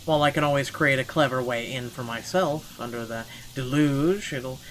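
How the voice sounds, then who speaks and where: A gaming host with a mid-range voice reads a first-person story aloud dramatically at a moderate pace. Between passages he cuts in with expressive, blunt, sweary reactions, and there's slight background noise.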